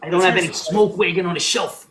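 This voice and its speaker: A man's voice: sits high, steady tone, quick pace, fairly bright tone. A man talking casually as a guest on a livestream, plainly and informally. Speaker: giveaway organizer, livestream guest. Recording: echoey room sound.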